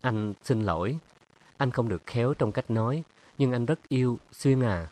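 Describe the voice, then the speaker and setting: A man's voice: medium pitch, animated, normal speed, darkish tone, lightly acted. A man voicing a jealous young man in an audiobook, pressing with accusing questions. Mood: pleading. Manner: pressing, accusatory, then pleading. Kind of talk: audiobook character reading.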